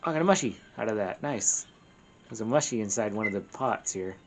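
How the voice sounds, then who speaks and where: A man's voice: fairly low pitch, expressive, a little fast, a little hiss or hum. A man chatting casually while playing a co-op video game, laid-back, chuckling, often trailing off mid-sentence. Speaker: co-op game player. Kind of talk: casual gameplay chat.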